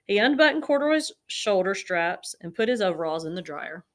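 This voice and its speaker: A woman narrating a children's picture book aloud in an expressive storytelling manner. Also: mid-range voice, brisk. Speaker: storybook reader.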